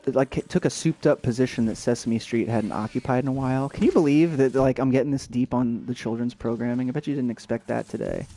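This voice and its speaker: A man's voice: mid-range voice, warm tone. A young adult man streaming a video game, chatting casually and rambling with lots of fillers and restarts. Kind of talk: casual let's-play chat.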